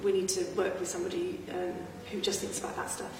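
A woman's voice: medium pitch, quick pace. An English woman who is a guest on a podcast, talking about her charity work in a plain, agreeable way. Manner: plain, even-toned, agreeable. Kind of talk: casual chat interview. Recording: echoey room with noise, far from the mic.

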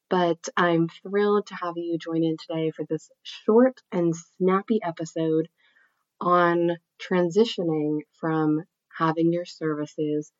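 A woman's voice: fairly low pitch, no echo, muffled recording. A woman hosting a solo podcast, her voice nasal from a cold, talking in an upbeat, encouraging way with a few slips. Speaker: podcast host.

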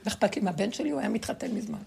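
Gravelly-voiced woman teaching a spiritual lesson. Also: a little high, a little hiss or hum. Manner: lively storytelling, laughing between points. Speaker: religious teacher.

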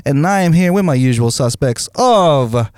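A man's voice: fairly high pitch, expressive, moderate pace, noisy background. A man hosting a podcast in casual, slangy banter, often saying bro. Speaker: podcast host.

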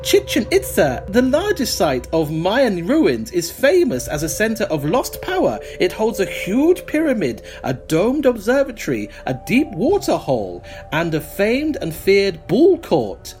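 A man voicing a mysterious male Mexican tour guide in his thirties, with a put-on Mexican accent and slow, theatrical delivery. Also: high voice, wildly swooping pitch, a little mellow, soft background music, pitched above the performer's own voice, exaggerated voice. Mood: ominous.

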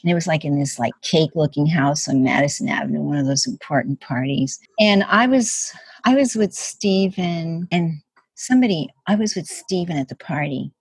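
Older woman, interview storytelling, chatty, fillers, husky, lowish voice, dry close sound. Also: moderate pace, no room sound. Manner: chatty, many "like" and "you know" fillers, acts out quotes. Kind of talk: casual storytelling.

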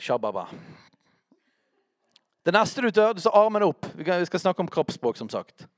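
High, lively-voiced preacher man. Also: no room sound, clean studio sound. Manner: talks straight to listeners, checks in with quick questions. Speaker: preacher teaching on worship. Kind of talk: conversational teaching sermon.

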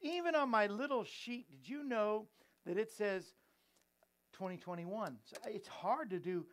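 A man's voice: high-pitched, unhurried, a bit bright. Chatty upbeat man hosting. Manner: chatty, playful, joking with crew. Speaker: host. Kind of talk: casual chat.

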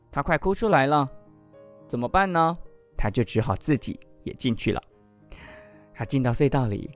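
A man telling a picture-book story aloud with animated, expressive delivery and then discussing it. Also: mid-range voice.

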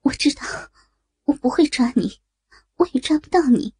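A woman's voice: high voice, fairly even intonation, unhurried, mellow, husky, voice pushed up. A woman voicing a frightened young policewoman who pleads and gives in, in an audio story. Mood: pleading, desperate. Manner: pleading, breathless, rising desperate cries. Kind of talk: audio drama reading.

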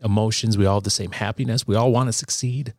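A man in a casual faith conversation, speaking reflectively with frequent halting restarts. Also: on the low side, fairly even intonation, no room sound, studio quality.

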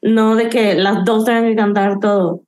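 A woman's voice: medium pitch, fairly even intonation, moderate pace, darkish tone. A Mexican woman co-hosting a casual podcast chat about song lyrics, slangy and mixing English words into her Spanish. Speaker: podcast co-host.

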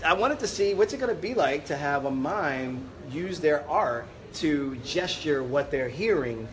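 A man's voice: on the high side, animated, measured pace, a little hiss or hum. A man who hosts a show, chatting casually and effusively on a red carpet, repeating himself for emphasis. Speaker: show host being interviewed.

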